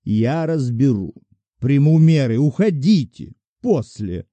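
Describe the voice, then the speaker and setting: Tired whiny bank chief, man reading, dark voice, dry sound. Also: mid-range voice, very animated, slow pace, no echo. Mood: weary. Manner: languid, moaning, fretful. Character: weary nervous bank chairman, middle-aged man.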